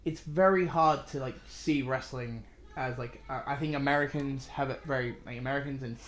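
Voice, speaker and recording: A man's voice: mid-range voice, moderate pace, fairly bright tone, a little hiss or hum. A man from Western Australia with an Australian accent, co-hosting a podcast in casual chat, blunt and ranting and swearing freely. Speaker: podcast co-host.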